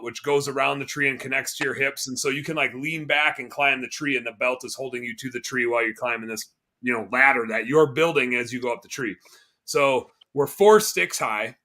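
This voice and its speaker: Male podcast co-host, bright and forceful, animated storyteller who explains for the audience. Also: medium pitch, normal speed. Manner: animated, explains for listeners, bursts of loud mimicry. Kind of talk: casual chat, storytelling.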